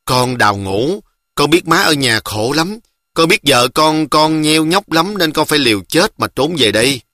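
A man's voice: on the high side, animated, normal speed, pushed and bright, no room sound, studio quality, pitched above the performer's own voice. A man voicing a young male army deserter who talks earnestly to his mother.

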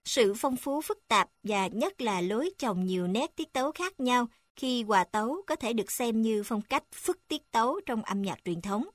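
Woman narrator, fairly high voice, formal textbook reading, dry close sound. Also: moderate pace, few pauses, no echo. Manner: even, formal reading with section numbers read aloud. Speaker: narrator reading a text on music.

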